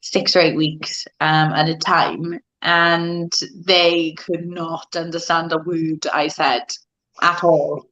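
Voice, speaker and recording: A woman's voice: deep voice, level tone, slow pace, fairly bright tone, poor audio. A woman, answering casually as an interview guest, thinking aloud a little hesitantly. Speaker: guest, MMA fighter.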